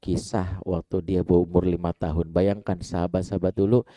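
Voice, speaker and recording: A man's voice: low voice, normal speed, no room sound. A man giving a parenting sermon at a mosque, telling stories animatedly and acting out the people in them, often addressing the men listening. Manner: animated storytelling, acts out quoted voices, addresses audience as Pak. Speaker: preacher. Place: mosque hall.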